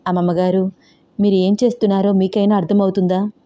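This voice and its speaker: A woman's voice: mid-range voice, flat delivery, brisk, warm tone, close to an everyday voice. A woman doing an anxious young woman. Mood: worried. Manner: fretful, pleading.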